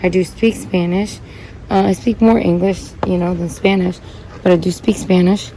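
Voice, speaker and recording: Repotting cacti for her plant channel, this host talks casually and wanders off topic, filling gaps with lots of fillers; she was born in Puerto Rico and grew up in Connecticut. Her voice is fairly low, steady and moderately paced, and the poor audio carries a little hiss or hum.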